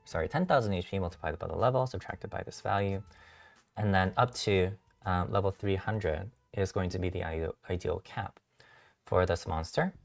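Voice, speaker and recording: A man who is a software engineer, hosting a tutorial stream and explaining code step by step, halting with many fillers and self-corrections, his voice a little worn. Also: deep voice, creaky, distant mic, faint music behind. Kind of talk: live-coding tutorial walkthrough.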